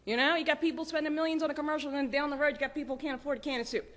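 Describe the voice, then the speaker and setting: A woman giving lively, chatty announcements to a church congregation, laughing often. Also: sits high, very fast. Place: church sanctuary. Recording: long church reverb.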